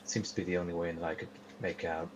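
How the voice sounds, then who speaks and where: A man voicing a wary scout in a tabletop role-play, giving reports in a measured, deliberate way. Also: low voice, little pitch movement, natural voice. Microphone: online call. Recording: dull call audio, clear background noise.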